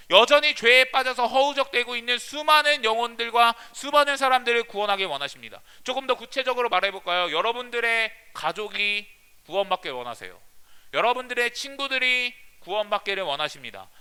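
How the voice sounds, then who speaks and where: Lively, bright-voiced man preaching to youth. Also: high-pitched, smooth. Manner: rhetorical questions answered by himself, emphatic call-and-response. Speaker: youth pastor. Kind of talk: youth sermon.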